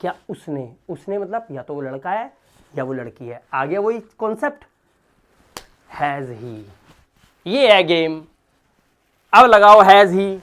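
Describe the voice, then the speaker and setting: An animated male English teacher giving a spoken lesson in Hindi. He talks directly to his viewer and spells words out letter by letter. His delivery jumps between soft asides and loud, emphatic bursts. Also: a little high, unhurried, long pauses.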